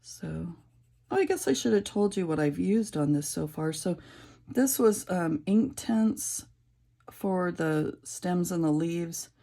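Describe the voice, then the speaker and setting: There's a gravelly rasp to the low voice of this middle-aged coloring-channel host, and a dark, mellow quality overall. She chats casually while coloring, often restarting sentences and leaning on fillers.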